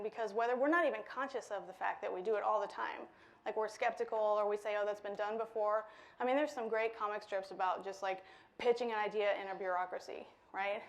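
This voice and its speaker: A woman leading an interactive workshop before a live audience, lively and playful, laughing often. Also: a little high. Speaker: workshop speaker. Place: lecture room with a live audience.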